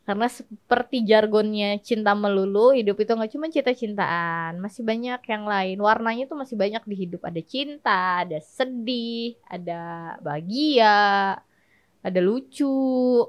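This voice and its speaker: A woman's voice: mid-range voice, smooth. A young woman hosting a casual comedic advice talk, chatty and playful, laughing often as she tells stories. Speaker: host.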